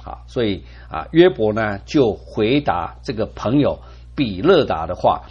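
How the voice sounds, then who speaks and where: A man's voice: fairly low pitch, very animated, measured pace, husky. A male preacher teaching from the Bible in a storytelling manner, often ending phrases with emphatic particles. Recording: dull lo-fi recording.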